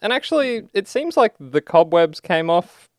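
A man's voice: sits high, big pitch swings, normal speed, no echo, clean studio sound. An Australian man co-hosting a podcast, chatting casually in a wry, joking, colloquial way. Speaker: podcast co-host. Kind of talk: casual chat.

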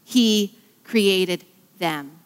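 A woman giving an enthusiastic Bible teaching, animated and emphatic, slowing down to read scripture. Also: medium pitch, smooth. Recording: long reverb of a large hall.

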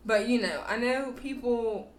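A woman's voice: on the high side, measured pace. A young adult woman casually telling a personal story, candid and repeating words for emphasis.

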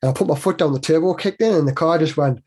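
A man's voice: on the high side, fast talker, darkish tone, husky. A man in his forties, a guest chatting and telling stories in a rambling, easygoing way with many restarts. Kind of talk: casual conversational storytelling.

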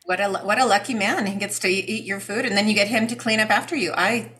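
A woman's voice: medium pitch, quick pace, bright, forceful tone. A woman co-hosting a podcast, bubbly and gushing in casual chat. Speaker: podcast co-host.

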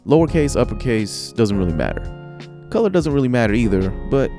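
A man's voice: medium pitch, big pitch swings, fairly quick, music in the background. A man hosting and narrating a podcast in a conversational, scripted way. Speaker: podcast host and producer.

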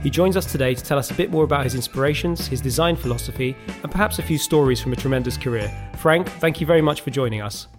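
A man's voice: mid-range voice, over music. A male podcast host who reads a polished introduction and asks interview questions. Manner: brisk, polished presenter.

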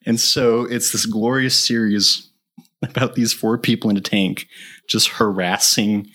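Deep-voiced man chatting on a podcast. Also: fairly even intonation, a little slow, sharp tone. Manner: enthusiastic, laughs often, many fillers. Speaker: podcast co-host. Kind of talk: casual chat.

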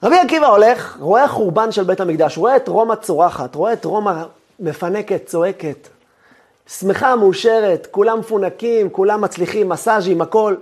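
A man giving a lively lecture, telling the story with animation and dropping to a hush at times. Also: high-pitched. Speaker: Torah lecturer.

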